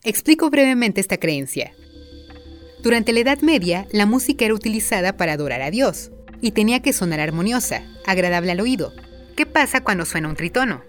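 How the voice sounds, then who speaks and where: A woman presenting a music appreciation lesson, explaining film music clearly and addressing her viewers directly. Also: mid-range voice, animated, fairly quick. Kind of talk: scripted educational narration.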